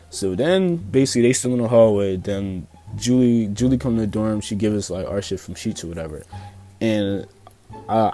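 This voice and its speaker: A man's voice: lowish voice, warm tone. Laid-back young Philly man telling stories. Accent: Philadelphia. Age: young adult. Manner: loose, profane, slangy storytelling with many fillers. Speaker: storyteller vlogger. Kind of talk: casual storytime.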